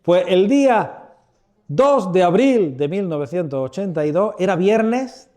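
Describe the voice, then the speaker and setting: A man's voice: high voice, animated, a little slow, a little mellow. A man in his fifties from Andalusia, preaching an informal sermon into a microphone to a live audience, chatty and humorous, often asking the audience questions. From Andalusia, Spain. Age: 50s. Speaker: preacher leading a church workshop. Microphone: handheld or stand microphone.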